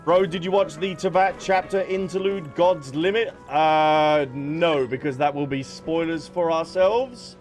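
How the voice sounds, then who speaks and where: A live streamer with a fairly high-pitched voice chats casually while playing a game, with game music in the background. He speaks unhurriedly with few pauses, addressing his viewers directly and by name.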